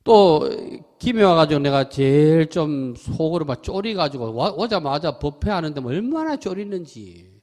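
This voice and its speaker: A middle-aged Buddhist monk with a Gyeongsang accent, giving a chatty sermon that mixes stories and teaching, laughing often and asking the listeners questions. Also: male voice, a little high, sing-song, moderate pace, hardly any pauses, a little mellow. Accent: Gyeongsang Korean. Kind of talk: sermon with storytelling. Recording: temple hall with long reverb.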